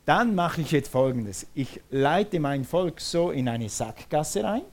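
A preacher voicing God, a calm schemer. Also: male voice, fairly high pitch, slow, heavily acted. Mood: scheming. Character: God as a calm, cunning male planner.

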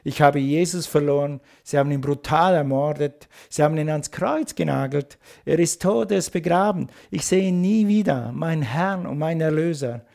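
A man's voice: a little high, moderate pace, creaky, few pauses, darkish tone. A man voicing a grieving woman at a tomb, distraught and pleading, as he retells a scene in a sermon.

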